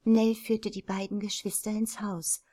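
Female narrator, calm storybook reading, measured, middle pitch.

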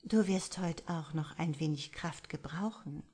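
A woman reads an audiobook in a low, mellow, husky voice, a little slowly. She voices an affectionate, hungry young woman on a romantic getaway who is a little impatient with her partner.

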